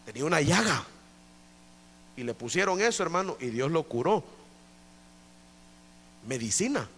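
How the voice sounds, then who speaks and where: Male pastor, high and bright voice, emphatic repetitive preaching in an echoing church. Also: very animated, moderate pace, slightly rough. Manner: emphatic preaching with many repetitions, often addressing listeners as brother. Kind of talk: evangelical sermon. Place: church during an evening service.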